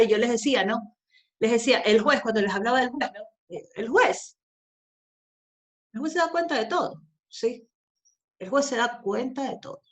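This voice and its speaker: Emphatic woman lecturing on law. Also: mid-range voice. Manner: emphatic, repeats key phrases, frequent tag questions.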